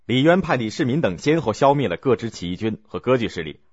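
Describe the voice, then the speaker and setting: A man narrating a historical story in a measured, expressive way. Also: medium pitch, breathy edge, dry recording. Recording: dull lo-fi recording.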